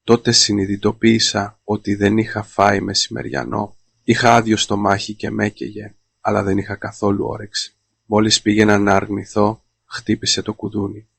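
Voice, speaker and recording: A man narrating a scripted first-person story in a flat, monotone reading. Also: lowish voice, gravelly, husky, no echo.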